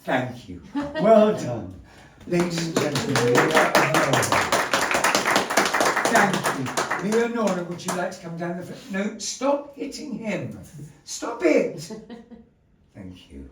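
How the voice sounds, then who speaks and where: Compering a puppet show at an indoor gallery, a man plays master of ceremonies with flamboyant, mock-dramatic theatrical flair. His voice is on the high side, with wildly swooping pitch and a slow pace. The recording sounds roomy and distant, with faint background noise.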